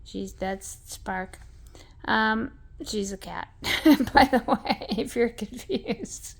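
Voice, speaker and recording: Blunt gravelly-voiced woman telling a story. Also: fairly high pitch, very slow. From American West. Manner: blunt, salty, with frequent fillers. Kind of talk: rambling storytelling monologue.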